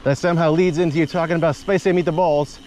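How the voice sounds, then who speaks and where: A man's voice: on the high side, fairly even intonation, fast talker, darkish tone, a little hiss or hum. A man in his thirties chatting and joking while riding mountain bike trails outdoors, recorded on an action camera. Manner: chatty, joking, rambling asides.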